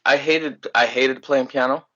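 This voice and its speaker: A young man from Greece, a musician telling his story in a relaxed, rambling way in a casual interview. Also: mid-range voice, measured pace, lo-fi sound. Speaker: musician guest.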